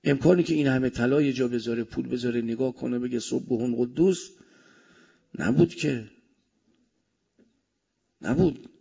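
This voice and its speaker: Gravelly preacher with a husky voice. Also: male voice, mid-range voice, pauses often. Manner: animated, swinging between loud emphasis and soft asides. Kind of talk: sermon. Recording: dull lo-fi recording.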